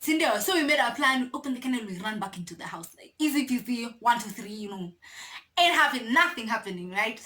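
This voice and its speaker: A young woman with a Kenyan accent tells a childhood story to her camera, lively and laughing as she goes. Her voice sits high and sounds bright and sharp. She slips bits of Swahili slang into her English. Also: fairly quick. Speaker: vlogger. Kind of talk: casual storytime.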